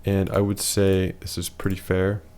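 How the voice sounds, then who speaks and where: A man's voice: low voice, monotone, moderate pace, a little mellow, slight background noise. A man losing his voice, giving a casual, matter-of-fact voice-over that rates features one by one. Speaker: facial analysis presenter.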